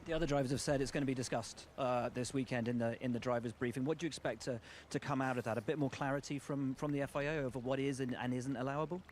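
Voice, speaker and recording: Fast-talking male motorsport reporter. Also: mid-range voice, fairly even intonation, a little hiss or hum. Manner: brisk and direct questioning. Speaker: motorsport journalist. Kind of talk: press conference questions.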